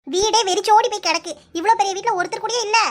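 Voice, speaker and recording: A chatty young village woman in a cartoon talks to herself in a very high, squeaky voice, as a woman puts her on. She has a Kanyakumari Tamil accent and rattles on as if nobody is listening. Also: fast talker.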